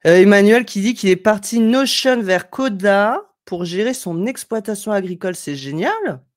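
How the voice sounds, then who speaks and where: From a desk at home, a woman hosts a casual live tutorial, reading out chat comments with a medium-pitched voice, lively intonation and moderate pace. Friendly and digressive, she thinks aloud with fillers, and she sounds like she has a slight head cold.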